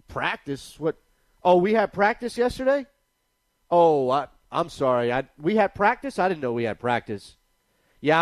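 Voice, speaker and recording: A man voicing a cocky, clueless male football player who talks fast and plays innocent. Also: on the high side, no room sound, close to an everyday voice. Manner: breezy, fast-talking, feigning innocence.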